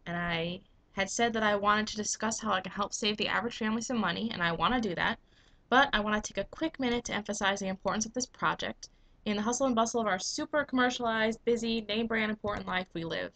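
An American vlogger and business owner, a young woman coming down with a cold, argues her case earnestly and emphatically to a webcam at her desk in a small room at home, firing off rhetorical questions. She talks fast, at medium pitch, with a slightly bright voice on a rough recording.

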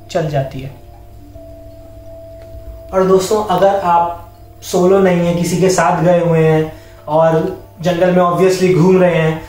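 Speaking in a high pitch with a somewhat dark tone, a young adult Indian man showcases hiking and camping gear, explaining it to his audience as if to friends, in a Hindi-English mix. A distant camera or phone mic, a few metres away in a bare wooden-floored room at home, leaves the recording very echoey.

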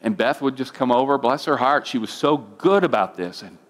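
A man's voice: mid-range voice, lively intonation, brisk. A middle-aged man, a pastor, telling a personal testimony in a sermon, his voice climbing when he gets emotional. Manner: emotional storytelling, voice rising when moved.

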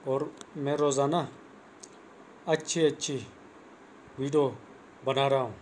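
A young cricket coach vlogger, speaking at a slow pace in a mid-range voice with little pitch movement, gives plain, repetitive, earnest bowling instruction. It's a casual spoken tutorial captured in a small room by a clip-on lapel mic with a close phone camera. A little hiss or hum runs underneath.

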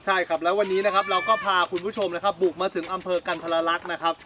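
A man hosting a travel show at a farm, teasing and exclaiming in lively chat. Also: high-pitched, racing, noisy background. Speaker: host.

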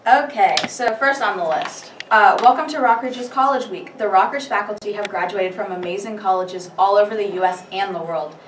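A woman's voice: medium pitch, normal speed, hardly any pauses. A teenage girl reading school morning announcements as a student news anchor, with small slips and restarts. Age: teens. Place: school studio room. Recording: echoey room, distant mic, faint hiss.

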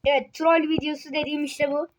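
A woman giving casual gameplay commentary, excitable, teasing other players and yelping or muttering to herself while she plays. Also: sits high, quick pace, slight background noise. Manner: excitable, yelps and mutters to self while playing. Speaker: gaming video creator.

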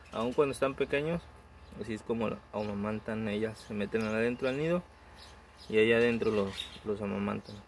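Man, relaxed casual vlog, low gravelly voice, noisy outdoor recording. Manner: chatty and relaxed, coos softly to baby rabbits. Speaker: rabbit breeder vlogger. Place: outdoor backyard rabbit hutches.

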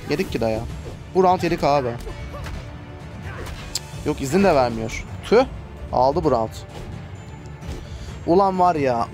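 A man's voice: sits high, darkish tone. A man hosting a gaming channel, giving chatty let's play commentary with exasperated outbursts. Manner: chatty, exasperated exclamations while fighting.

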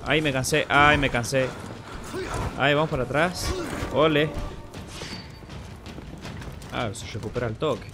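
A man hosting a gaming channel, giving excitable play-by-play commentary and repeating short exclamations over and over. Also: medium pitch, measured pace, pauses often, noisy background. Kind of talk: live gameplay commentary.

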